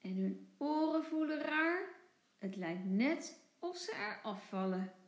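A woman teacher reading a children's storybook aloud in an expressive, sing-song way. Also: high-pitched, slow pace, echoey room.

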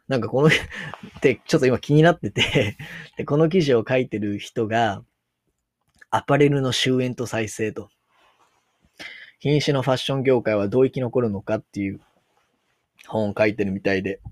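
A man's voice: medium pitch, a little mellow, dry recording. Musing Kansai man, dry close sound. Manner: musing aloud, reads passages out. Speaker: solo commentator. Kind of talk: casual commentary on a news article.

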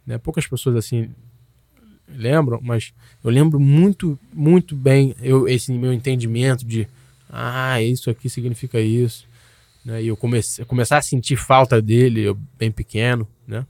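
A man's voice: medium pitch, fairly even intonation, normal speed, darkish tone, dry recording. A young man, telling a personal story in a loose, slangy way, full of restarts and tags. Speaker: guest.

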